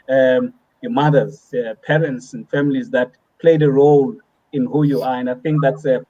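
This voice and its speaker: A man hosting a podcast, affirming what his guests say and gently guiding the conversation. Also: medium pitch, recorded from a distance, highs cut off. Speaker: podcast host. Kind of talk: interviewing.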